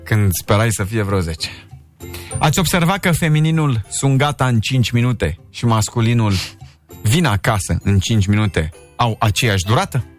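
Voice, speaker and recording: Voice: medium pitch, expressive, faint music behind. Teasing radio morning show co-host. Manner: teasing, playful, mock-sulking. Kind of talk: casual on-air banter, reading jokes. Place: radio studio.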